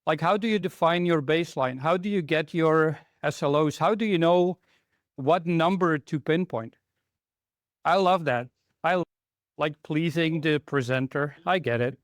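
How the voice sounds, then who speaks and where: In an unhurried, slightly high voice, a middle-aged man from Belgium delivers a conversational conference talk as a technical trainer, regularly quizzing the live audience. The recording is clean studio sound without echo.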